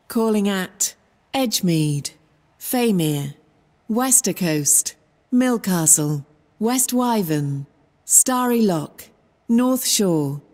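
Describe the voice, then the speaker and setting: A woman's automated platform announcement for a game railway, made of spliced-together recorded words that jump in pitch and loudness from word to word. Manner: stilted, slow, jumps in pitch and loudness between words. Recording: reverberant station loudspeaker.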